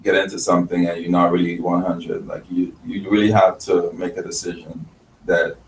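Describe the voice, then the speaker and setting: A chef and restaurant owner from Grenada and Trinidad talks earnestly in a casual interview, restarting his sentences often. His deep voice is flat and moves at a normal speed, picked up on a distant mic in a roomy space with faint noise.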